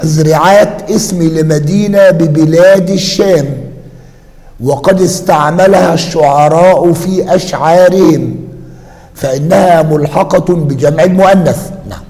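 High-voiced male teacher, echoing room. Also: mellow. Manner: measured, repeats and confirms words. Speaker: teacher of Arabic morphology. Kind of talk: classical text lesson, explaining.

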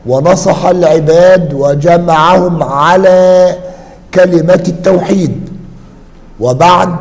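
High-voiced male teacher, echoing room. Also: a little mellow. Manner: measured, repeats and confirms words. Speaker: teacher of Arabic morphology. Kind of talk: classical text lesson, explaining.

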